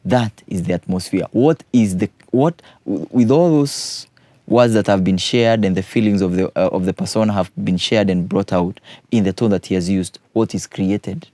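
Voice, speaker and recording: Mellow-voiced teacher explaining. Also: male voice, deep voice, moderate pace, dry recording. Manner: patient, explanatory, repeats key points. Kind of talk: exam revision explanation.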